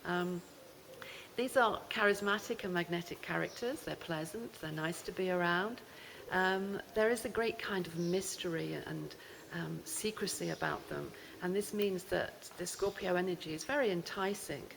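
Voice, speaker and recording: Woman, gravelly creaky voice, reflective unscripted presenter, cave echo, faint background noise. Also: fairly low pitch, moderate pace, a bit bright. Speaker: astrology video presenter. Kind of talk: unscripted spoken explainer to camera. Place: inside a mountain cave. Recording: echoey cave reverb, clear background noise.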